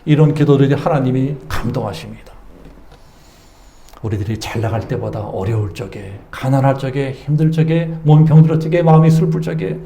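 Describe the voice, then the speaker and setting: A male pastor preaching a sermon, telling a story with loud exclamations and hushed asides. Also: mid-range voice, a little fast, reverberant. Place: church sanctuary.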